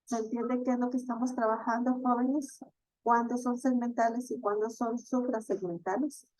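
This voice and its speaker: Teacher woman, mellow and dry. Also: a little high, steady tone, no echo, poor audio. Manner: explains slowly, stretches example words, asks the class "¿verdad?". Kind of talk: classroom lecture.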